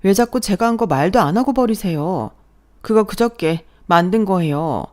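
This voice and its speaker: A woman's voice: medium pitch, animated, normal speed, darkish tone, lightly acted. A woman voicing a fed-up young wife who firmly stands up to her mother-in-law and husband. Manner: firm, heated.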